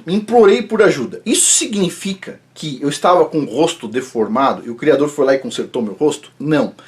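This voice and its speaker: A man with a Brazilian accent giving a personal religious testimony in an animated way, often checking in with the listener. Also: fairly high pitch. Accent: Brazilian Portuguese. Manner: animated, often adds checking tags like "right?". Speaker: channel host telling a personal story.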